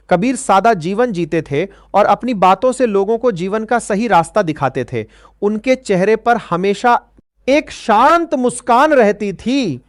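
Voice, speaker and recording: A woman's voice: medium pitch, no room sound, clean studio sound. Woman narrating a storybook tale.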